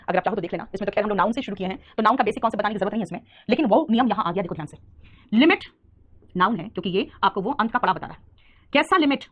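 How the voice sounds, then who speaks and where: A woman teaching English grammar in a live online exam-prep class, explaining in Hindi with English terms, repeating key words and checking in with her students. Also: a little high. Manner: drills terms by repeating them, asks "theek hai?".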